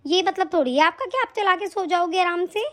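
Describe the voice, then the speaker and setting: A woman voicing a sharp-tongued, grudging sister-in-law in an animated story, full of sarcastic taunts. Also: extremely high pitch, fairly quick. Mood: nagging.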